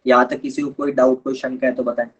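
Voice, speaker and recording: A man's voice: mid-range voice, level tone, quick pace, a bit bright, breathy edge, poor audio. A man teaching a live online chemistry lesson, patiently explaining step by step and calling his students kids.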